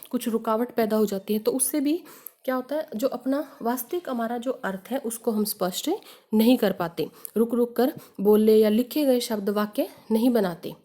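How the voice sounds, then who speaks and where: Woman teacher, grammar lesson, somewhat high voice, warm mellow tone, asks rhetorical questions. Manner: explains step by step with examples and rhetorical questions.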